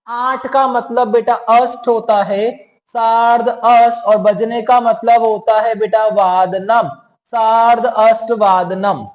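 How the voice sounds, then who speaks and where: A man teaching a class, patiently explaining rules and often checking that students follow. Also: high-pitched. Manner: patient, keeps calling students "beta" and asking questions. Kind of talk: classroom lesson.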